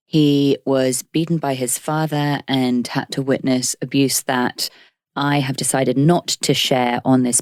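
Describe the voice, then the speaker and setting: A woman's voice: sits low, a little mellow, no room sound, studio quality. A woman hosting a podcast, reading a scripted introduction and asking eager questions. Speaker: podcast host.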